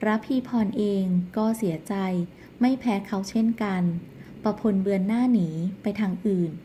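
A woman narrating the plot of a television drama episode in a steady storytelling manner. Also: medium pitch, normal speed, slight background noise.

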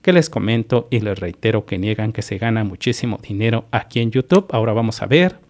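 Speaking a little fast, this Mexican YouTube host has a lowish, expressive, darkish voice. Over a screen recording he explains earnings step by step, repeating himself and addressing his audience directly.

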